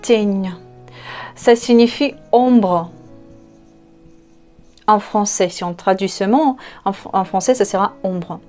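Slow, patient woman with a Russian accent. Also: mid-range voice, a little mellow, soft background music. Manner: slow and patient, spells out letters and repeats each word. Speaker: language teacher. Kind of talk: online language lesson.

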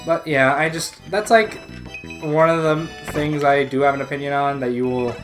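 A man co-hosting a casual chat while playing a video game, who bursts into loud shouting at the game now and then. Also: fairly high pitch, steady tone, moderate pace. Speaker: podcast co-host. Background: game music.

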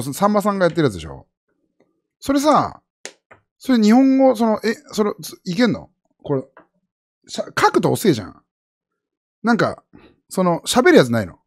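A man's voice: brisk, long pauses. A man from Japan chatting casually with his viewers as a streamer, rambling and jumping from topic to topic. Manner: rambling, animated, jumps between high and low pitch.

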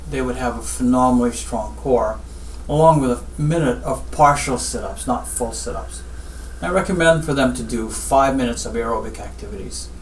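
Seated at his desk in a small office, a middle-aged Guyanese surgeon is interviewed and offers health advice in short, deliberate, pause-filled phrases. He is a spine surgeon with a medium-pitched voice. The distant mic gives a roomy sound with faint noise behind it.

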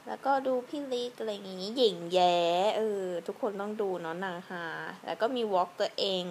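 A woman's voice: medium pitch, a little fast, darkish tone, slight background noise. A young woman, a beauty vlogger, chatting casually and rambling, lying in bed at home at night and talking close to a phone camera. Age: young adult. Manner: chatty, rambling, self-correcting. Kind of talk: casual vlog chat.

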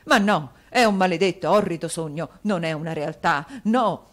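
A woman's voice: fairly low pitch, normal speed, natural voice. A woman voicing a self-pitying, theatrical dandy husband who exclaims and wails. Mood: melodramatic. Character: melodramatic self-pitying husband, dandy middle-aged man.

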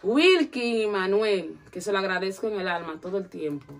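Gravelly woman telling a story. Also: medium pitch, normal speed, faint music behind. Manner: animated, acts out quoted voices. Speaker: interviewee. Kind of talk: storytelling in a casual interview.

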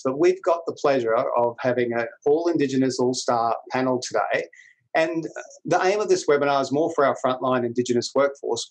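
Aussie bloke, middle aged, mid-pitched voice, introducing a webinar on a video call, pretty informal wording. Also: male voice, rough recording. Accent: Australian. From New South Wales, Australia. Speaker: webinar moderator. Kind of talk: webinar introduction, semi-formal presenting. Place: small indoor office room. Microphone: video call computer microphone.

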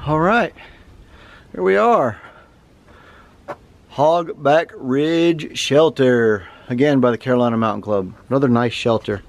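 Talking casually to a camera held at arm's length, a weary thru-hiker narrates from a wooded mountain trail in a folksy, laid-back manner. His medium-pitched voice moves at a measured pace with long pauses.

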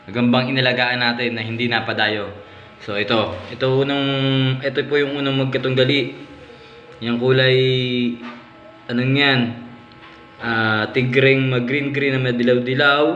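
A man hosting a vlog, giving excited, casual commentary on spider fights and constantly addressing his viewers. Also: medium pitch, highs cut off, slight background noise. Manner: excited, repeats "mga spider" and "oh" often. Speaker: vlogger, channel host. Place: at home. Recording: echoey room, faint background ambience.

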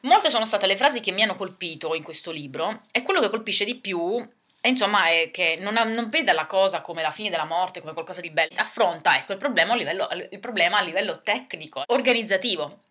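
A woman's voice: medium pitch, animated, fast, bright, forceful tone. A woman giving a casual book review vlog, chatting and thinking aloud as she goes. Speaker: book vlogger.

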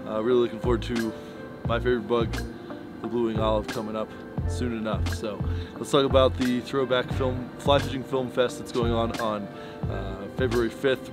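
A man in his thirties talking casually to camera outdoors in the snow, giving a fishing report with many fillers and restarts. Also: medium pitch. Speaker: fly shop owner giving a fishing report. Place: outdoors by pickup trucks in snow. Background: music bed under the talk.

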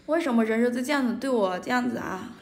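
Fast-talking weary pleading woman. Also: on the high side, expressive, darkish tone, reverberant. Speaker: livestreamer. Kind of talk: livestream argument and thanking viewers.

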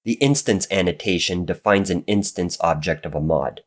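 In a deep voice at normal speed, a man talks through a screen-recorded coding tutorial. A lingering cold leaves him a bit raspy and nasal, but his explanations stay steady and methodical.

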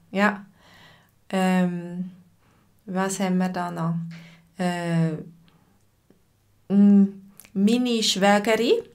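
A woman in her thirties with a Swiss German accent, giving a live-stream language lesson from home at her webcam and answering viewers by name. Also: mid-range voice. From Switzerland. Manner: slow, patient, repeats phrases and answers chat viewers by name. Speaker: language teacher.

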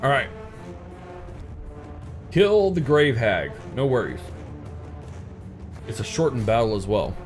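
A man's voice: medium pitch, huge pitch swings, slow, long pauses, soft background music. A man in his thirties hosting a casual let's play, thinking aloud in an easygoing way. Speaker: gaming channel host. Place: indoor room.

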